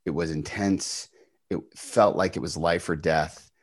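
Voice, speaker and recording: A middle-aged man, a podcast guest, telling his faith story in an earnest, animated way with emphatic bursts. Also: sits low, a little slow, breathy edge. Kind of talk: storytelling testimony.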